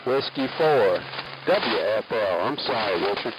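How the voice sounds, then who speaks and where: A man's voice: fairly low pitch, lively intonation, unhurried, distant mic. A man working as an amateur radio operator, making a ham radio call with call signs and formal radio procedure, heard over a radio link. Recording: muffled radio audio with loud static.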